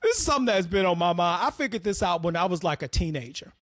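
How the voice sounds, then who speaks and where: A man's voice: sits high, big pitch swings, quick pace, fairly bright tone, no echo, clean studio sound. A man hosting an opinionated commentary monologue, talking bluntly and profanely as he tells stories. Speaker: host.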